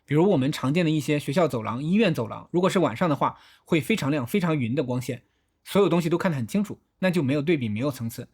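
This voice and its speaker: A husky-voiced man narrates a film breakdown at a brisk clip, his voice sitting a little high. He works through each shot step by step, methodically explaining what the director is doing. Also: lively intonation. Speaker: film analysis host.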